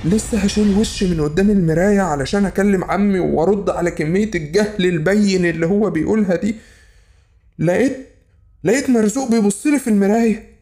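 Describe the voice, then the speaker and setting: A man's voice: high-pitched, fast talker, warm tone. A man with an Egyptian accent telling a first-person horror story in a frantic, urgent way, repeating himself for effect. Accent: Egyptian Arabic.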